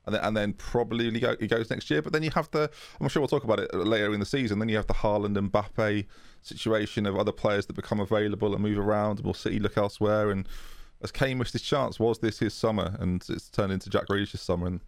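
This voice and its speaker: A man talking football in a relaxed chat with a co-host. His voice sits low with a gravelly, fry-edged texture, and the recording is dry and close. He restarts his sentences often as he thinks aloud. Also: quick pace, dry recording. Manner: chatty, restarts often with a laugh. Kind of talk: casual chat.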